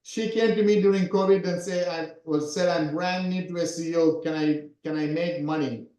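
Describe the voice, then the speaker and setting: High-voiced man coaching in a roomy echo. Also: steady tone, normal speed, dark tone. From Sri Lanka. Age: 40s. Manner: repetitive, keeps asking "right?". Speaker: SEO coach. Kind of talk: coaching talk in an interview.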